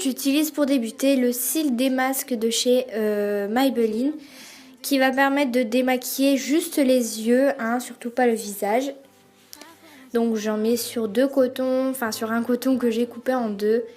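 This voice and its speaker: A young woman giving a casual, hesitant voice-over of her routine, with many fillers. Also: on the high side. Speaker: beauty vlogger. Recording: voice-over with faint music behind.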